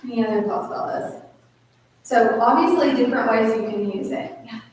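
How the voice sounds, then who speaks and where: A woman therapist presenting a workshop in a casual, lively way, often acting out what clients say. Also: on the high side, a little fast. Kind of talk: conference workshop talk. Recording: echoey hall from far off, faint noise.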